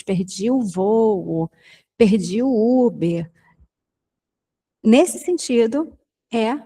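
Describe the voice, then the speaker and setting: A woman's voice: medium pitch, mellow, slightly rough. A young Brazilian woman teaching English in a casual online lesson, patiently explaining and repeating examples. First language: Portuguese.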